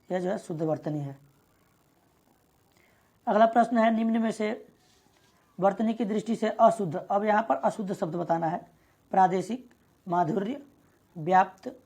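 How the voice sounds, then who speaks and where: A woman teaching an exam prep lesson, reading out each question and its options and explaining the answer at a steady pace. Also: medium pitch, breathy edge.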